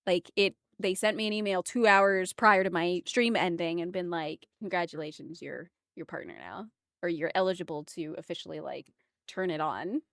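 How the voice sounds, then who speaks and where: A woman's voice: fairly low pitch, moderate pace, gravelly, fairly bright tone, no echo. A woman livestreamer chatting casually and expressively with her viewers on a close mic. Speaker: livestreamer, emote artist.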